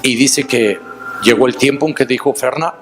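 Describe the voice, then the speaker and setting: A man's voice: mid-range voice, normal speed, over music. A man with a Mexican accent preaching a sermon, telling stories and asking the listeners questions directly. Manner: storytelling, addressing listeners directly with rhetorical questions.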